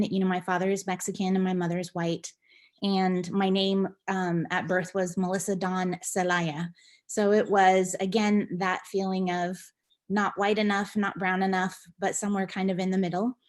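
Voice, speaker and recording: Woman telling a reflective personal story. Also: medium pitch. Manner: reflective, even-toned. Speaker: board member.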